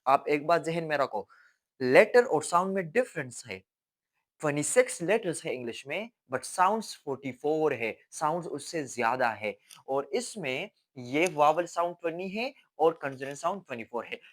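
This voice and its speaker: A man's voice: fairly high pitch, lively intonation, normal speed, a bit bright. A young man teaching English grammar in Hindi, dropping in English phrases and repeating key words as he explains step by step. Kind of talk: classroom lesson.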